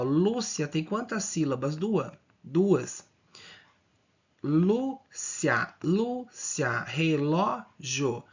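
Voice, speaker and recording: A male teacher giving an exam-prep grammar lesson, explaining slowly, repeating key words and checking in with the viewer often. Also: a little high, gravelly, husky, dull audio.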